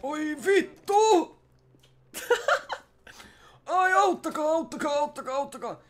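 A man playing a high-voiced, foul-mouthed crook. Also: animated. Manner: loud, profane, frantic, threatening. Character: brash swearing young male criminal. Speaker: roleplay streamer playing a criminal. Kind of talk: GTA roleplay, in-character shouting and swearing.

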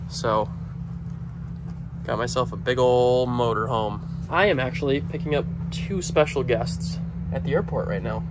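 The road-trip vlog features a young American man in and around a motorhome, speaking casually with folksy playfulness in a medium-pitched, slightly slow voice. Because he records on a handheld camera held at arm's length, the audio is noisy with outdoor and vehicle sounds.

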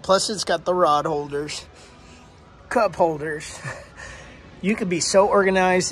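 A man casually filming a first-person walkthrough vlog in a large indoor boat showroom, talking in an excited, exclaiming, chatty way. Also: fairly high pitch. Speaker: fishing vlogger touring a boat.

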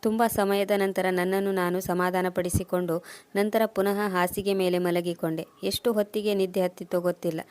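A woman reading a first-person story as scripted narration, at a steady, even pace. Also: lowish voice, normal speed, no echo.

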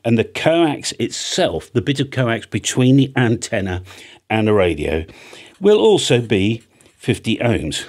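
In a small indoor home studio, a British ham radio operator and antenna builder in his fifties records a tutorial close to a big studio mic on a boom arm. His husky voice sits fairly low, and his delivery is chatty and plain, regularly asking "right?" or "okay?"

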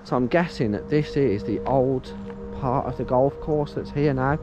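A man with a medium-pitched voice speaks at a moderate pace, vlogging as he explores an abandoned site outdoors. He's chatty, thinks aloud, and keeps calling out "guys" to his viewers in casual walking commentary. Background music plays.

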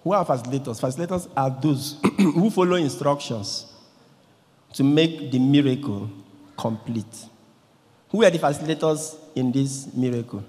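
A man in his thirties with a Nigerian English accent, a priest preaching a lively sermon into a handheld microphone, acting out voices and swinging between loud and quiet. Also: mid-range voice, normal speed. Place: large church, indoors. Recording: long church reverb.

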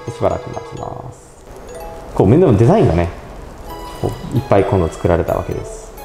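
A man's voice: fairly low pitch, very animated, fast, vocal fry, dark tone. A young man chatting casually as he walks through a phone app step by step, politely narrating each move and thinking aloud. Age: young adult. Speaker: presenter of a robot pet channel. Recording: echoey indoor room with faint music.

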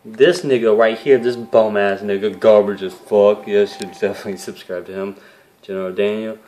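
This is a young man with a fairly low voice, talking straight to camera for his own gaming channel. He rambles in a loose, casual way, full of fillers and swearing, with an earnest, emotional tone as he thanks his viewers. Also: steady tone, normal speed, dark tone. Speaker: YouTube gaming channel host.

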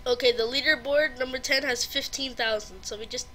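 A woman's voice: sits high, steady tone, a little fast, sharp tone, a little hiss or hum. A woman with a stuffy, congested nose giving gameplay commentary, easily startled and gasping. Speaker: gamer.

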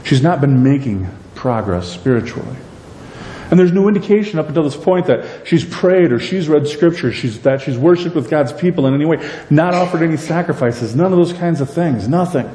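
A middle-aged man preaching a sermon from the pulpit, animated and conversational, often asking "right?". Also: fairly high pitch, fairly quick, a little hiss or hum. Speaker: pastor. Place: church sanctuary with a pulpit. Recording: echoey church hall, voice a bit distant.

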